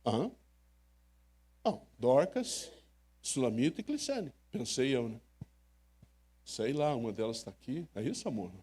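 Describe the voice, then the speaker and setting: A man's voice: medium pitch, sing-song, measured pace, pauses often, a little mellow, breathy edge. An older man from Brazil, a pastor preaching an emotional sermon, telling personal stories and speaking straight to the congregation. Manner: emotional, storytelling, direct address to congregation. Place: church sanctuary.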